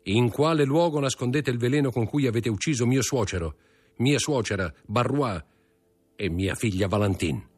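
A man's voice: mid-range voice, normal speed, darkish tone, breathy edge, pitched above the performer's own voice, close to an everyday voice. A man reading an audiobook, voicing a stern magistrate who coldly accuses his wife. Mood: cold accusing. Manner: cold, accusing, contemptuous.

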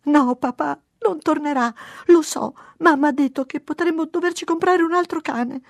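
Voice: moderate pace, creaky, dry recording, studio quality. A reader voicing a heartbroken little girl who cries and wails over her lost dog. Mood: sobbing. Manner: crying, high and wailing.

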